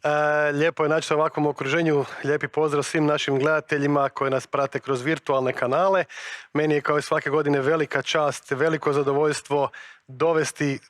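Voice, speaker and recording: A middle-aged Croatian man moderating a live panel on an event stage, chatty and quick, with false starts. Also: a little high, level tone, fairly bright tone, no room sound, clean studio sound.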